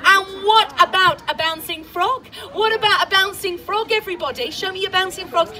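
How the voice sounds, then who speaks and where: Filmed by someone in the audience far from the stage, this live children's show at an outdoor farm show features a woman whose very high-pitched voice sounds bright and forceful. Speaking at normal speed, she cheerfully leads the kids in call-and-response as children and music fill the background.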